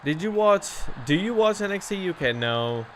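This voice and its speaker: A male gaming streamer, stuffy from allergies, chatting casually and reacting loudly to the game. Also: high-pitched, expressive, moderate pace, a little hiss or hum. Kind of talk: casual gameplay commentary.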